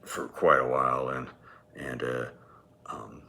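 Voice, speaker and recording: A man with a very deep voice that still carries a bright, forceful edge tells a personal story from his years as a teacher. He talks casually and rambles, chuckling to himself as he goes. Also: flat delivery, slow, gravelly. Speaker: former teacher.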